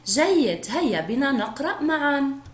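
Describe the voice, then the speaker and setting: A woman teacher giving a first-grade phonics lesson, speaking slowly and clearly to young children. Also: high-pitched, very animated, reverberant. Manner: slow, clearly drawn-out speech to young children.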